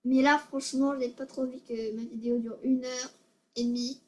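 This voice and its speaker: A woman's voice: high voice, level tone, normal speed, warm tone. A female gaming video maker giving casual tutorial commentary, hesitant and self-conscious, often stammering and repeating words.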